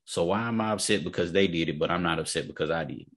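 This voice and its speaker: Real deep voiced guy, casual debate, emphatic, repeats his points. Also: very fast, fairly bright tone. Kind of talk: opinionated casual discussion.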